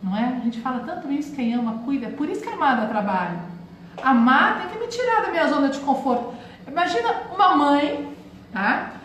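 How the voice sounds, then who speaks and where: A woman's voice: high voice, very animated, a little fast, a bit bright. A Brazilian woman in her forties, hosting a reflective spiritual talk and often calling her listeners "gente". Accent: Brazilian Portuguese. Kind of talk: live-streamed motivational talk. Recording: very echoey room, faint hiss.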